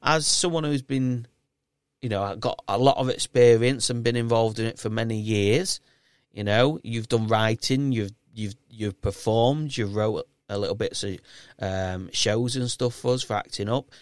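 A man's voice: fairly low pitch, a little slow, smooth, no room sound, studio quality. A man with a thick Yorkshire accent hosting a casual podcast in a chatty, encouraging, matey way. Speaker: podcast host and quizmaster.

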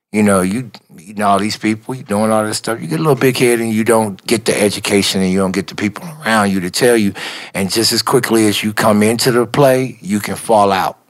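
A man from Chicago, a music executive, telling stories in a casual interview, acting out conversations with slang and frequent laughter. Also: fairly low pitch. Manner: animated, acts out dialogue, laughs often, slangy.

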